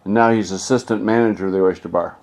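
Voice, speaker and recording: An older man talks in a lowish voice with a dry, joking manner. His tone stays casual and conversational throughout. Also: fairly even intonation, fast, a little mellow. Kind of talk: casual chat. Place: home living room.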